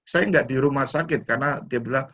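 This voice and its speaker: A man's voice: mid-range voice, brisk, sharp tone. A middle-aged male pastor sharing a personal testimony in a church talk, telling his story and often addressing listeners as brothers and sisters. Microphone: video call. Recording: dull lo-fi video call audio.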